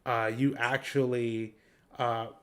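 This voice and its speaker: A man's voice: medium pitch, flat delivery, slow pace, a bit bright. A man hosting a podcast interview, rambling through long questions full of fillers. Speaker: podcast host.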